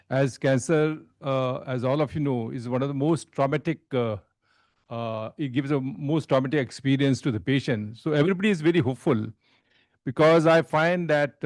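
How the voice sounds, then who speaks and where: A man with an Indian accent making a formal welcome speech at a conference, halting and repeating phrases. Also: mid-range voice, a little mellow. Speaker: hospital executive giving remarks at a medical conference.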